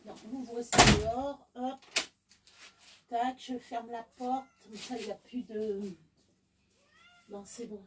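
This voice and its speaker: A woman's voice: on the high side, fairly even intonation, takes it slowly, pauses often, very noisy. A woman chatting casually and bluntly into her phone camera at home late at night. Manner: chatty and unfiltered, coos at her pets. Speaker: vlogger. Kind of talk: casual night-time vlog.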